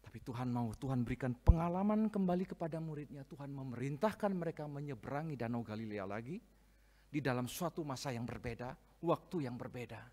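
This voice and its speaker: A man preaching a sermon, swinging from soft asides to loud, emphatic reading of scripture. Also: medium pitch, animated, a little fast. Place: church hall, live-streamed service. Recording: long reverb of a church hall.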